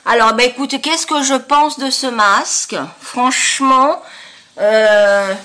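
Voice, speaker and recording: A woman with a fairly high, honking and nasal voice, stuffed up with sinus congestion. She talks slowly and casually, as a beauty vlogger does to her viewers, often stopping to search for her words. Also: pushed and bright. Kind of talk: casual product-review chat to viewers.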